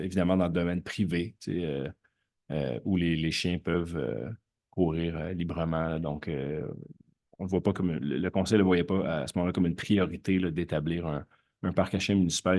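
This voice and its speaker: A man's voice: low voice, fairly even intonation, brisk, darkish tone. A man with a Quebec French accent chairing a council meeting, replying informally in a hesitant, roundabout way. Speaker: council chair answering residents.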